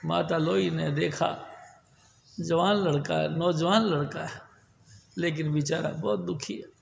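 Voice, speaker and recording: A male preacher tells a devotional story at an unhurried, earnest pace in a slightly high, gravelly voice. He speaks to his congregation in a hall, and the sound rings with long reverb and faint noise behind it. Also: fairly even intonation.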